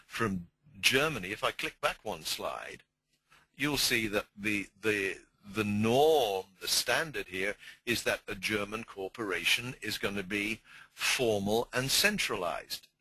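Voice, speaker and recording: A man with a low but bright, forceful voice and a slightly husky grain explains workplace ideas as a communication trainer. He talks conversationally through his slides, often repeating words while he finds the phrase. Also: expressive, a little slow, dry recording, rough recording.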